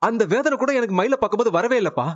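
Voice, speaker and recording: A man's voice: very high voice, expressive, rapid-fire, no room sound. A young husband who won't take his wife back. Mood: pleading. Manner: pleading, breaking into sobs. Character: grown son refusing his estranged wife, anguished. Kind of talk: Tamil serial drama. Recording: dull muffled TV-serial audio.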